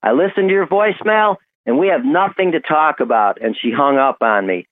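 A man's voice: on the high side, animated, a little fast. A male caller to a talk radio show, heard on speakerphone, speaking emphatically and building up steam. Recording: tinny phone line on speakerphone.

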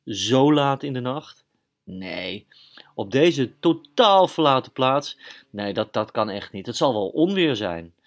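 A man narrating a children's story in an animated, halting way, often repeating words. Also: mid-range voice.

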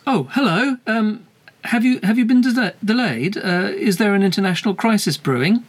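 A man's voice: high-pitched, animated, normal speed. A man playing a polite, slightly hesitant and anxious podcast host in a comedy interview. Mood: bemused.

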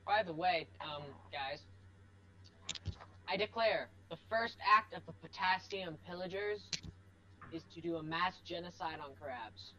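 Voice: mid-range voice, unhurried, sharp tone, low-quality recording. A player bantering casually during a tabletop role-playing game.

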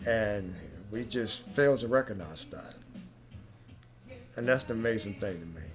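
A man's voice: on the low side, expressive, unhurried. A man hosting a podcast with a casual spiritual monologue, reflective and speaking directly to listeners. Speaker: podcast host.

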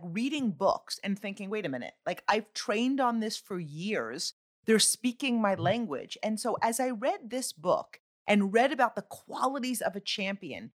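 A woman delivers a motivational speech as the host of a coaching show. She is emphatic and exhorting, driving points home in short, repeated phrases. Her voice sits at an average pitch for a woman.

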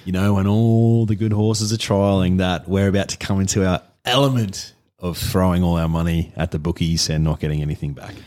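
A man's voice: low voice, steady tone, fairly quick, few pauses, a little mellow. An Australian man co-hosting a podcast, chatting casually in a slangy, self-deprecating way. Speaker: podcast co-host. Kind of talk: casual chat.

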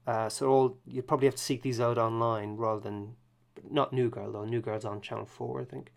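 A man's voice: mid-range voice, fairly even intonation, brisk, vocal fry. A man co-hosting a podcast, chatting easily about TV shows, chuckling and correcting himself as he goes. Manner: easygoing, chuckling, self-correcting. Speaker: podcast co-host. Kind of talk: casual chat about TV.

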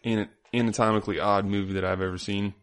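A man co-hosting a podcast in casual chat, playful with deadpan absurd jokes. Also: lowish voice, fast talker. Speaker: podcast co-host.

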